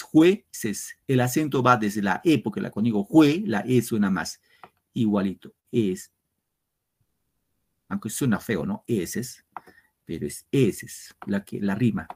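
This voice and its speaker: A male teacher giving an online literature class, explaining slowly and step by step to his students. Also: mid-range voice, a little mellow, breathy edge. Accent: Peruvian Spanish. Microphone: computer mic on a video lesson.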